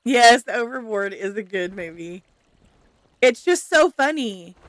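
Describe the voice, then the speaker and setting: A woman's voice: fairly high pitch, expressive, slow, dry recording. Giggly chatty woman streamer. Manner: chatty and giggly, answering viewers. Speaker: gaming streamer. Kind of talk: casual chat while playing a game.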